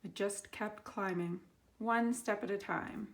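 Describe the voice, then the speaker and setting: Reading a children's picture book aloud, a teacher with a medium-pitched voice uses deliberate, expressive phrasing. She adds dramatic pauses as she goes.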